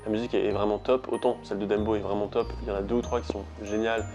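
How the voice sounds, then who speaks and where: This young man with a French accent talks casually to his viewers as a YouTube host, rambling with frequent hesitations and lots of "euh." His voice sits on the low side, a little mellow, with flat delivery at a racing pace. Faint music plays behind him.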